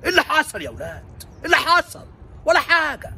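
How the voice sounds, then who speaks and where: Theatrical Egyptian English teacher. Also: male voice, very high voice, huge pitch swings, rapid-fire. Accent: Egyptian Arabic. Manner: theatrical, swings between shouting and whispering. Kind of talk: animated language lesson.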